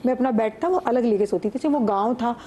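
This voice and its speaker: A middle-aged woman sits on a TV studio set and tells a spooky personal story with animated, vivid detail. Her voice sits a little high but sounds mellow and soft-edged. A faint hum of noise runs underneath. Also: quick pace. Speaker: guest. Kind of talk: storytelling on a talk show.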